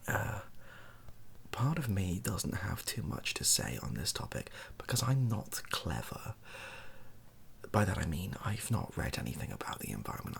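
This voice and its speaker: A British video host with a low voice softly rambles through an improvised monologue. He sounds breathy, often close to a whisper, and his manner is wry, self-deprecating and hesitant.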